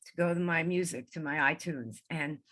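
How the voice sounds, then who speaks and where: A woman in her seventies with a low voice speaks at a normal pace as a guest on an interview show. She tells a personal story in lively, conversational fashion, acting out the voices of the people she quotes.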